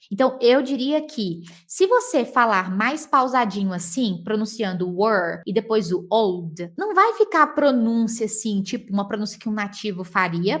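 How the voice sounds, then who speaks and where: A woman with a Brazilian Portuguese accent teaching English words and pronunciation, chatty and encouraging, often checking in with quick tag questions and slowing down to model words. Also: medium pitch, a bit bright. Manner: chatty, tags lines with "tá?", slows to model words. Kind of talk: explaining English vocabulary and pronunciation.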